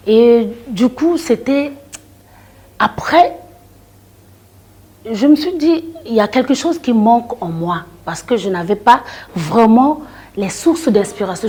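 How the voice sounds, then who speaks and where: In a mid-range, slightly rough voice, a middle-aged woman from the Republic of the Congo, who sings and tells stories, replies to interview questions haltingly, with frequent restarts, fillers and quiet trailing off.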